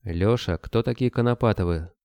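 A gruff bearded hunter barks short, grim orders in a deep, dark voice, as a male narrator puts him on. The sound is clear and dry. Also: normal speed, no echo. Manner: barking, curt orders. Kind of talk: audiobook character voice.

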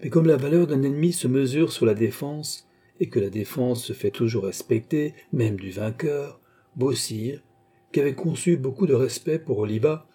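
A man giving a slow, measured audiobook narration of a classic novel. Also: mid-range voice, dark tone, slightly rough. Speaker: audiobook reader.

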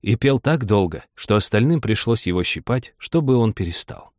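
A man narrates a storybook in a lowish voice full of lively pitch swings. His reading is expressive and animated. The recording is close and dry. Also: normal speed, no echo. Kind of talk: audiobook reading.

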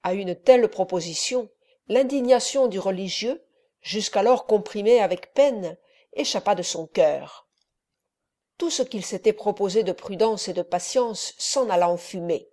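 Mellow-voiced woman narrating a novel. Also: mid-range voice, animated, unhurried. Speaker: audiobook narrator. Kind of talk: scripted literary narration.

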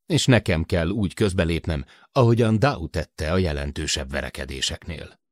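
A man narrating a science-fiction audiobook in a measured, expressive reading voice. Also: sits low, no room sound, studio quality.

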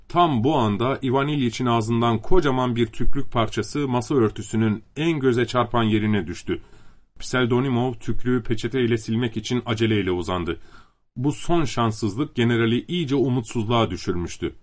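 Male audiobook narrator, measured and steady, plain reading voice. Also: medium pitch.

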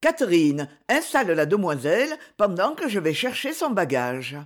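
A woman's voice: on the low side, sing-song, normal speed. A woman reader voicing a kindly, plain-spoken older farmer who talks in a simple, hearty country way. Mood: hearty, welcoming. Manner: simple, hearty rural speech.

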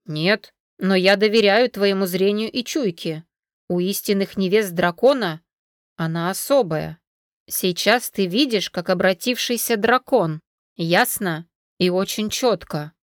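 A woman voicing a young male dragon, the heroine's cousin, who speaks calmly and matter-of-factly in an audiobook. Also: medium pitch, unhurried, dry recording, natural voice. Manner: calm, dry, matter-of-fact.

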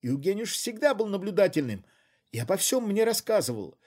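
A man voicing a hysterical, scheming middle-aged woman who shouts her accusations in a high, shrill voice. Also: animated, brisk, slightly rough. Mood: accusing.

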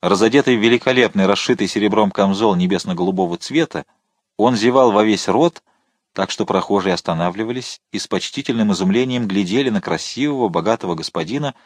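A man narrating a novel as an audiobook, in a measured, expressive reading. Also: on the low side, no room sound, studio quality.

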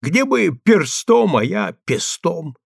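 A man voicing a gruff, simple-minded old army major who blusters excitedly. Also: sits high, slow, no room sound, clean studio sound, voice pushed up, full character voice. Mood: rueful.

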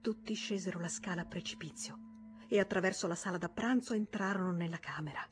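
A woman reading a classic novel aloud as an audiobook narrator, in a measured, even storytelling manner. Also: fairly low pitch. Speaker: audiobook reader.

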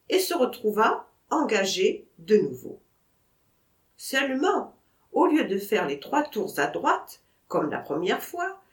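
A woman reading a story aloud as an audiobook narrator, acting out the characters' outbursts in an unhurried way. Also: a little high, far from the mic. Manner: unhurried, acts out the characters' shouted lines. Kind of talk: scripted narration. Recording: roomy echo.

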